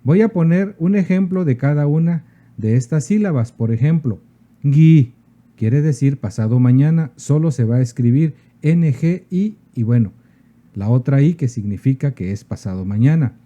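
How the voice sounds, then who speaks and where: Dark-voiced man teaching spelling. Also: medium pitch, expressive. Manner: patient, explains slowly with many examples. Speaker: teacher of a native language's alphabet. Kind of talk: spoken lesson on spelling and tones.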